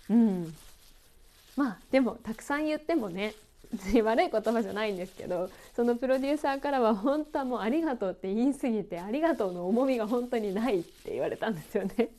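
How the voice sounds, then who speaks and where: A woman announcer hosting her own podcast, chatting in a relaxed way, laughing often and poking fun at herself. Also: fairly high pitch, brisk. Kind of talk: relaxed solo podcast chat.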